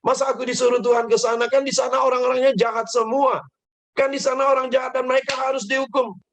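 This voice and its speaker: A man's voice: very high-pitched, flat delivery, fast talker, voice pushed up. A man voicing the prophet Jonah in a children's Bible story, a stubborn, complaining man who defends his refusal. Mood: defensive. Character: reluctant sulking male prophet Jonah.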